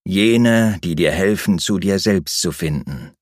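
A man voicing a cold, flat-voiced captor. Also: low-pitched, dry recording, clean studio sound. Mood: cold menace. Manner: flat, bureaucratic, unhurried. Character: cold emotionless male captor, calm and menacing.

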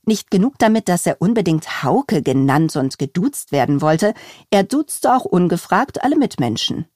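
A woman calmly reading a novel aloud as a narrator, in an even storytelling manner. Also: on the low side, normal speed, no echo, studio quality. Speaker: audiobook narrator. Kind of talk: scripted narration.

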